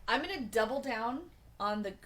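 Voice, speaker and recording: A woman's voice: on the high side, animated, moderate pace, fairly bright tone, slight background noise. A woman co-hosting a drink tasting show. She jokes about being nervous and stretches out some of her words. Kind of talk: casual tasting chat.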